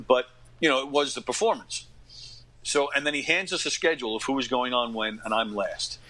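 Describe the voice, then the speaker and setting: As a podcast interview guest, this New York–area actor and comedian, late 40s to 50s, retells stories at a normal pace in a medium-pitched voice. He performs what people said with animation and frequently clears his throat. The audio quality is poor.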